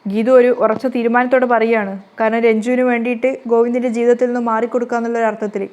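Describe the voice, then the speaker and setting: A woman retells the latest episode of a TV serial scene by scene. Her voice is slightly high and her telling is loose and unscripted, often correcting herself mid-word. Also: flat delivery, racing, darkish tone, lo-fi sound. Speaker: serial recap narrator.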